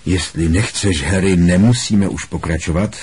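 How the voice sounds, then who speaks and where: Male narrator voicing a kind, weary audiobook teacher; soft, reassuring, deep and husky. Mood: gentle, reassuring. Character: kind, tired male teacher, middle-aged and pale. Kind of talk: audiobook reading.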